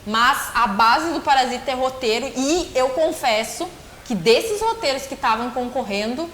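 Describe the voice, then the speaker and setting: A woman's voice: sits high, animated, moderate pace, a bit bright, roomy sound, slight background noise. A woman, a guest film critic, talks about a film in casual panel chat, thinking aloud with fillers.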